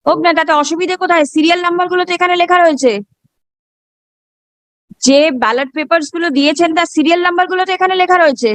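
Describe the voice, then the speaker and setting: A woman's voice: very high voice, very fast, no echo. A woman with a Bengali Indian accent questioning someone as a judge in court, probing and repeating her questions pointedly.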